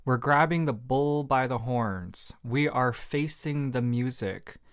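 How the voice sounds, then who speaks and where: A man's voice: medium pitch, slow pace, no room sound, clean studio sound. A man hosting a solo podcast, talking in a reflective, candid, self-deprecating way with lots of fillers. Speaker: podcast host.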